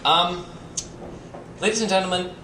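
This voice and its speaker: Performing as a reader at a comedy night, this man has a high-pitched, bright, forceful voice with fairly even intonation and normal speed. He gives a theatrical live reading with joking asides and campy emphasis before a bistro audience, captured in a roomy, distant, noisy live stream.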